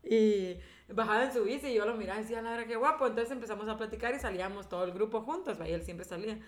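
A woman's voice: medium pitch, racing, echoey room. A young woman with a Guatemalan accent, telling crude, slang-filled stories in a casual chat with friends. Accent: Guatemalan Spanish. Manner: crude, slangy storyteller who acts out dialogue.

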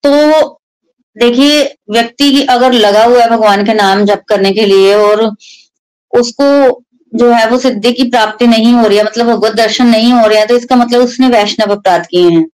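A woman's voice: on the high side, normal speed, a little mellow, dry recording, rough recording. A young woman giving a devotional storytelling talk at a satsang, acting out the quoted lines and mixing in English words. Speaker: satsang speaker.

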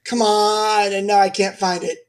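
A middle-aged man from Texas, a guest musician telling animated anecdotes in a casual interview. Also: high-pitched, measured pace. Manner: animated anecdotes with lively acted-out quotes.

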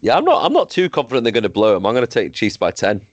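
A man's voice: mid-range voice, wildly swooping pitch, rapid-fire, no echo, muffled recording. A man hosting a casual sports podcast, leading the segment with frequent restarts. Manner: leads the segment, many restarts. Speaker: podcast host.

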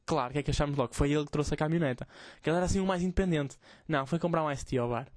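A man's voice: a little high, rapid-fire, darkish tone, no echo, studio quality. A man, hosting a podcast as a rambling, profane, self-mocking comic monologue. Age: 20s. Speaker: podcast host.

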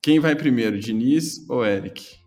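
A Brazilian man with a mid-pitched voice hosts a podcast chat casually. Faint music plays under his talk. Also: measured pace, a little mellow. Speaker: podcast host.

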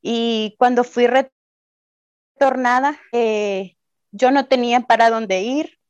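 A woman from El Salvador with a Salvadoran accent, giving a slow, hesitant personal testimony as a migrant, with many fillers. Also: fairly high pitch, steady tone, clear, resonant tone, dry recording. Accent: Salvadoran Spanish. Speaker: interviewee, migrant. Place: Ciudad Juárez.

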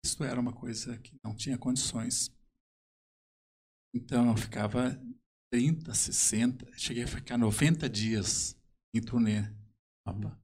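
Man, southern Brazilian accent, middle pitch, halting emphatic storyteller, conversational interview guest. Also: fairly even intonation, a little mellow, slightly rough. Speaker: musician guest.

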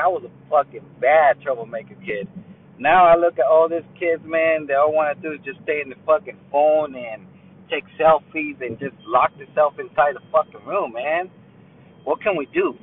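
A man's voice: mid-range voice, slight background noise. A man calling in to a show, rambling and cursing with lots of "man" fillers. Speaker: caller. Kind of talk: voicemail call-in. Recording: tinny phone line.

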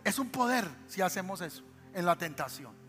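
Colombian male pastor, very high bright voice, fervent sermon with shouted calls and amens, hall reverb and soft music behind. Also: sing-song, fairly quick. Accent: Colombian Spanish. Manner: preaching with sudden shouted exhortations; addresses the congregation directly, asking for amens.

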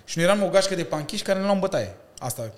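A man in his thirties telling his stories as a podcast guest, animated and full of slang. His voice sits a little high for a man. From Romania. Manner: animated storytelling with slang and laughter. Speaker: podcast guest, breakdancer and stuntman. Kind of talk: casual chat.

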